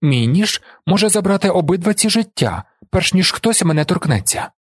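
A man voicing a gloating, husky shapeshifter villain. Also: high-pitched, very animated, moderate pace, no echo, studio quality, pitched above the performer's own voice, exaggerated voice. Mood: gloating menace. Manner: gloating, threatening, silky. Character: cunning menacing male shapeshifter bargainer. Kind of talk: audiobook character voice.

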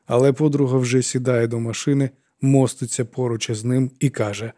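A man narrating an audiobook in a steady, measured reading voice. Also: mid-range voice, no echo, studio quality. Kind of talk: scripted narration.

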